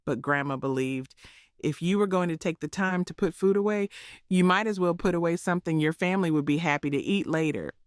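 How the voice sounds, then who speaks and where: A woman's voice: on the low side, brisk, clear, resonant tone, no echo. Folksy Southern woman storyteller, clean dry sound. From southern United States. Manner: homespun, preachy storytelling with folksy asides. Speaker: storyteller sharing cooking wisdom. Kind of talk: scripted folksy narration.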